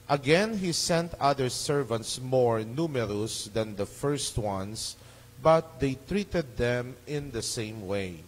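Man, priest, slow measured Gospel reading, cathedral echo, long church reverb. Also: mid-range voice. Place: large church.

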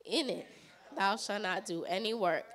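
A woman's voice: mid-range voice, moderate pace, fairly bright tone. A woman steadily reciting a formal scripture passage. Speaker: scripture reader.

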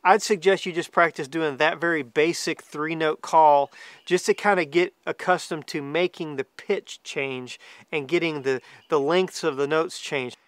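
Clear, higher-pitched man giving informal instruction. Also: unhurried, a bit bright, no echo, studio quality. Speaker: duck hunting guide and calling instructor. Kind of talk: informal instructional talk to camera. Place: outdoors among trees, seated.

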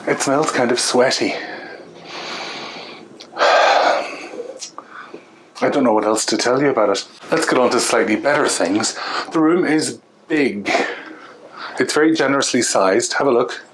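A man's voice: medium pitch, slow, long pauses, background noise. A man in his forties giving a dry, sarcastic room tour of a small ship cabin, filmed on a handheld camera at arm's length. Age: 40s. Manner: wry, dry sarcastic humour. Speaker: travel vlogger. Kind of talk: casual vlog room tour. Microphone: handheld camera at arm's length with small mic.

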